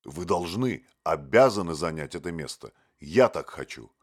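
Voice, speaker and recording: An irritable bohemian, played by a male narrator barks his lines in short, impatient bursts. The voice is deep and edged with annoyance. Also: expressive, moderate pace, husky. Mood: irritated. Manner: snappish, impatient.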